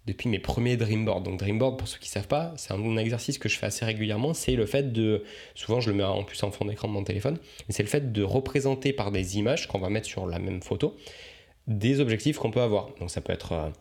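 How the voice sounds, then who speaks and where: A man's voice: lowish voice, fast, gravelly, darkish tone. A young man, a coach, musing aloud in a casual podcast monologue, rambling and reflective with many fillers and restarts.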